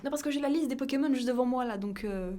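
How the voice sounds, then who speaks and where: A woman's voice: high voice, fast, warm tone. A young woman chatting casually between impressions. She hesitates and fills her sentences with many fillers. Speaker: YouTuber doing impressions. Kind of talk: casual chat.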